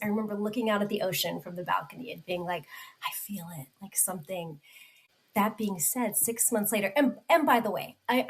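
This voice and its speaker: A woman's voice: medium pitch, rough recording. Heartfelt woman in her forties. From United States. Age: 40s. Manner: heartfelt, many likes and restarts. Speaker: guest. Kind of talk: personal story in a podcast interview.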